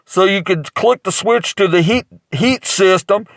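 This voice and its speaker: A man's voice: high-pitched, unhurried, dry recording. A man improvising a rambling mock infomercial as a salesman, with crude jokes and lots of fillers. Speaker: comic playing a mattress salesman.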